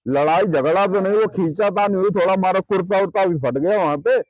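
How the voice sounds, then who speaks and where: A man acting as a flustered priest in a skit, stammering and defensive, fairly high voice, dull dry lo-fi sound. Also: fairly quick, darkish tone, dry recording, natural voice. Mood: pleading. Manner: stammering, defensive, keeps repeating himself. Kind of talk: staged street argument skit.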